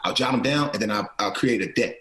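In casual interview talk, a middle-aged man who works as an actor and producer speaks fast and earnestly, breaking off to restart phrases and checking in with "right?" His voice sits on the low side and sounds a bit bright in a reverberant space.

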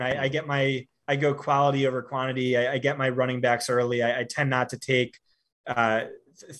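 A man's voice: medium pitch, a bit bright. A man giving fantasy football analysis in a casual podcast chat, with many fillers and restarts but firm opinions. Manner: frequent fillers and repeated starts, confident opinions.

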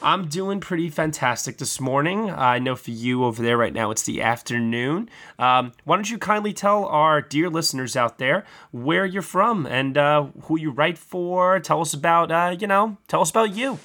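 Bright-voiced male podcast host. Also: on the high side, expressive, moderate pace, few pauses. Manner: upbeat, introducing guests. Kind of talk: casual podcast hosting.

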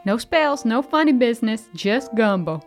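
A woman's voice: on the high side, animated, normal speed, soft background music, lightly acted. A woman voicing a good-natured, folksy character with a drawl in a tabletop game. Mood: easygoing.

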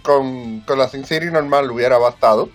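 Man, average pitch, dry sarcastic co-host, faint music. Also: moderate pace. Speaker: podcast co-host. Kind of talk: casual chat.

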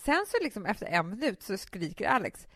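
A woman's voice: mid-range voice, no echo, clean studio sound. A woman in her thirties, co-hosting a casual chat with her sister and telling stories with lots of laughter. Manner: laughs often, animated storytelling. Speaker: podcast co-host.

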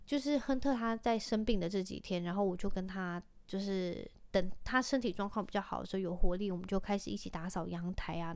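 A woman, a mother telling stories to her vlog audience in a lively, chatty way and mixing in English phrases. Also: medium pitch, clean tone, no echo. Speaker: vlogger and mother. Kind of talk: casual chatty monologue.

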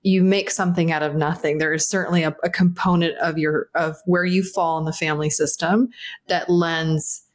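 A woman from South Florida, a founder guesting on a podcast, talking in a candid, animated way and laughing often. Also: low-pitched, normal speed. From South Florida, United States. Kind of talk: casual podcast interview.

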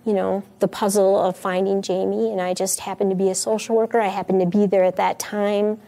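A woman's voice: mid-range voice, flat delivery, brisk, vocal fry, mellow. A woman social worker in an interview, modest and reflective.

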